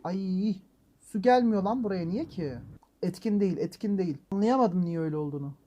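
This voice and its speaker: Brief: male let's-play host, high voice, excitable, talks to himself, mild swearing. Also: fairly quick. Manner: swings between calm muttering and loud frustrated outbursts. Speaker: gaming channel host. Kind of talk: let's-play gameplay commentary.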